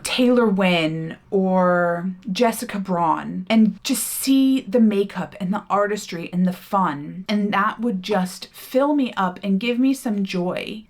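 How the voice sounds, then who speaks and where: Heartfelt chatty woman beauty vlogger. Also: mid-range voice. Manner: heartfelt, chatty, gushing about products. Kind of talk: casual reflective talk while doing makeup. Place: home room, hot.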